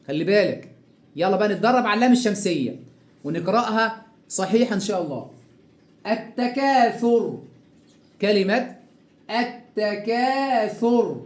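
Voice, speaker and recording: A man with an Egyptian accent teaching Quran recitation rules, asking questions and answering them himself, and drawing out each example word slowly. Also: sits high, reverberant. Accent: Egyptian Arabic. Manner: asks and answers his own questions, stretches example words slowly. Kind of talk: tajweed lesson.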